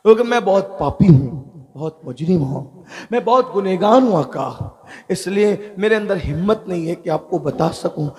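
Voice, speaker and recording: A man's voice: high voice, expressive, moderate pace, mellow. A man voicing a remorseful young male sinner who pleads and repeats his confession in a sermon story.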